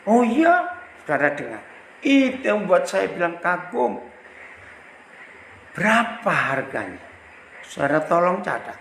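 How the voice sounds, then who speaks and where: An older man from Indonesia preaching as an evangelist, telling a story with lively acted-out dialogue. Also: high-pitched, a little slow, pauses often, roomy sound, slight background noise, poor audio. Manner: animated, acts out both sides of conversations. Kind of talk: sermon storytelling.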